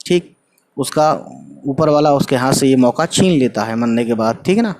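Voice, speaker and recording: A man teaching an Urdu textbook lesson at a middle pitch. He reads each passage, then explains it plainly, slipping in English phrases. He keeps checking that his students follow. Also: very animated, darkish tone, a little hiss or hum. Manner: reads a line of text, then explains it in simple words, mixing in English.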